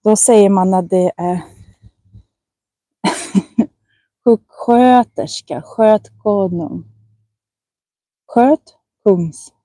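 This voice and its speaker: Woman, Russian native speaker, casual walking vlog outdoors, slow careful enunciation, warm mellow tone, dry close mic. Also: mid-range voice, no room sound. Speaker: Swedish teacher. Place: outdoors on a residential walk.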